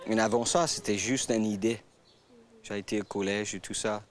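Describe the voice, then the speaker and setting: Cajun man telling his story, low voice. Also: moderate pace, a crowd in the background. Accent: Cajun French. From Louisiana. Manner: animated, acts out quoted voices. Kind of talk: casual storytelling interview.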